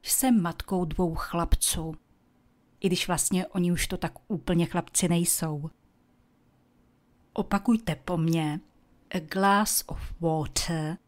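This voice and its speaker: A woman teaches English vocabulary in a calm, scripted lesson, and her voice sits a little low. She speaks in Czech and pronounces each English word slowly and deliberately, so her listeners can copy it. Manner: slow, careful demonstration of pronunciation.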